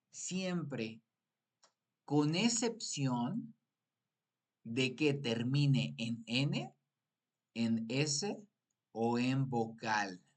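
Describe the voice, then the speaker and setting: A man's voice: medium pitch, a bit bright. A man teaching a live-streamed exam prep lesson, explaining patiently and prompting viewers with repeated questions. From Mexico.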